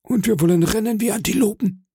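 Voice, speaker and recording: A man's voice: high-pitched, brisk, mellow, husky, dry recording, studio quality, voice pushed up. A man voicing an earnest, fatherly middle-aged ship's doctor who scolds and urges in an audiobook reading.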